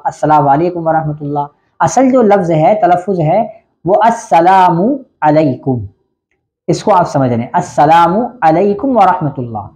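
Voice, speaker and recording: A man giving religious instruction on prayer. He earnestly explains each point and repeats Arabic phrases slowly to show the right pronunciation. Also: high voice, warm tone, lo-fi sound. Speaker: religious teacher.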